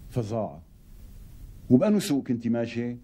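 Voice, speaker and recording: An actor playing a jovial, effusive middle-aged lawyer who speaks with a Syrian Arabic accent in a TV sitcom. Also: male voice, medium pitch, big pitch swings, fairly quick, dark tone. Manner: effusive, teasing. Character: jovial middle-aged male lawyer, warm family friend. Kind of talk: TV sitcom acting.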